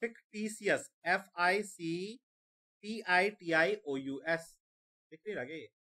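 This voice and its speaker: With a high, sharp-toned voice, a man teaches vocabulary for an exam. Each word gets slow, repeated pronunciation followed by a letter-by-letter spelling.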